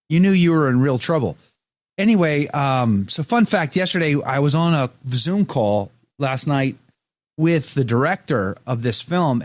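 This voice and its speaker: Reading viewer comments out loud, a middle-aged podcast host keeps things casual and joking. His voice sits at medium pitch, and the recording is dry.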